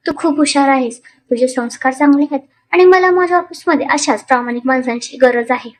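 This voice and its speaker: A stern older patriarch, read by a woman narrator in a storybook serial. He speaks gravely and firmly, each decision final, in a high, clear voice. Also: lightly acted. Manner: firm, measured, grave. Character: stern dignified older man, family patriarch.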